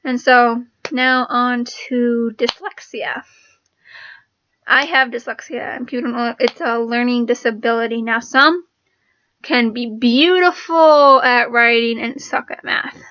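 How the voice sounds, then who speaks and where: A young woman speaks to her viewers in a casual, rambling way, circling back and restarting her sentences. Her voice sits fairly high but stays flat and level. The recording is dry and a little muffled. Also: unhurried. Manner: rambling, with many restarts and fillers. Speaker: vlogger. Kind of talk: casual personal talk to camera.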